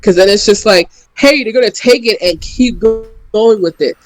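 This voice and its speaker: A man co-hosting a podcast in casual chat, animated and swearing, often acting out reactions. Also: high voice, normal speed, soft background music, poor audio. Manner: animated, profane, slips into impressions. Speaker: podcast co-host.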